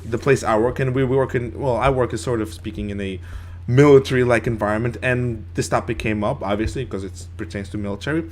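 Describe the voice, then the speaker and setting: A man's voice: mid-range voice, quick pace, a little hiss or hum. A young man from Ukraine with a Russian accent, co-hosting a casual gaming stream in a rambling, jokey, crude way. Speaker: podcast co-host.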